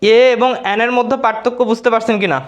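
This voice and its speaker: A man's voice: very high voice, fairly even intonation, fast talker. A man with a Bangladeshi Bengali accent teaching English grammar in a live online class, repeating words and answering his own questions.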